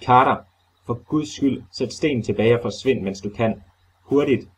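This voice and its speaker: A man's voice: on the low side, darkish tone, breathy edge. A man voicing a terrified man trapped in a crypt who frantically pleads with his friend to flee, talking with breathless urgency. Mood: frantic.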